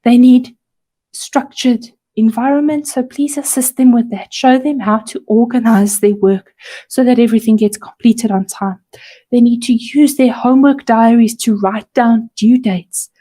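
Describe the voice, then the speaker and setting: A woman's voice: a little high, fairly even intonation, measured pace, mellow. A woman teacher walking parents through an online system, her voice strained and failing, often correcting herself. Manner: careful, repeats and self-corrects while explaining.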